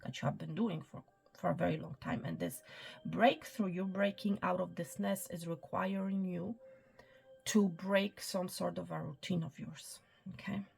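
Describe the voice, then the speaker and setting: A woman giving a spiritual reading in a soft, reassuring way, often dropping to a whisper and checking in with the listener. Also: fairly low pitch, steady tone, moderate pace, creaky, slightly rough. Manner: soft, reassuring, repeats "okay" and "my friend"; drops to a whisper at times. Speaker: psychic reader. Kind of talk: tarot-style spiritual reading to camera. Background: soft background music.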